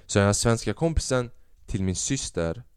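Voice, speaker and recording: A man with a fairly low, smooth voice tells a story on his podcast in a loose, casual monologue. He is animated, swears freely and acts out the people in the story. The sound is dry and close, with no room around it. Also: no echo. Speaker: podcast host; stand-up comedian.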